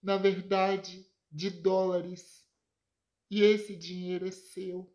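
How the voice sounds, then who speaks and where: A woman's voice: on the low side, level tone, slow, a little mellow. A Brazilian woman voicing a dying grandmother in her old age, tender and gasping for breath. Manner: weak, gasping breaths between words.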